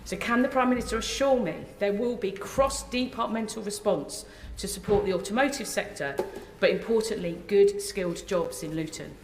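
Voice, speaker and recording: A woman's voice: mid-range voice, normal speed, slight background noise. An English-accented woman delivering a formal prepared question as a member of parliament. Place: large debating chamber. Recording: very echoey large hall.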